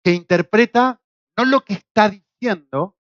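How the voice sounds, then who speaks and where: Middle-aged Argentine-accented male teacher, fairly high voice, dry and slightly muffled lecture sound. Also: a little slow, dry recording. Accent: Argentine Spanish. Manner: lively, acts out quoted voices with shouts and jokes. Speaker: Bible course teacher. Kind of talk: classroom lecture. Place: classroom in Spain.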